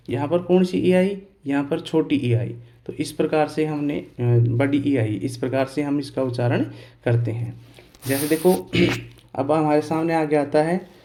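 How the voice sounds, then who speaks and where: A male teacher explaining pronunciation step by step, asking questions and answering them himself, repeating key words slowly and spelling out letters. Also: on the high side, warm tone. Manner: clears his throat now and then. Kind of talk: Hindi lesson on English pronunciation.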